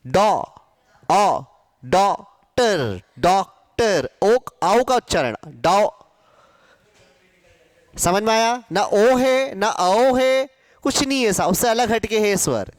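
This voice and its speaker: A man with a very high voice teaches a Hindi class of exam students, slowly stretching and repeating syllables to drill pronunciation. He emphatically scolds them about common mistakes, and there is no echo.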